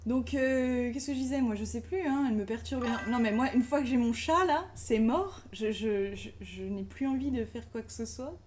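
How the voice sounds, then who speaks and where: A woman's voice: a little high, normal speed, few pauses, a little mellow, a little hiss or hum. A woman chatting casually and playfully as a live streamer, colloquial and sweary, often cooing affectionately. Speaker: live streamer, craft vlogger.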